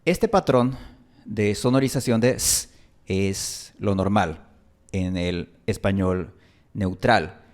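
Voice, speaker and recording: A man leads a language lesson in highland Ecuadorian Spanish-accented speech, deliberately spelling and repeating sample words in a somewhat dark tone.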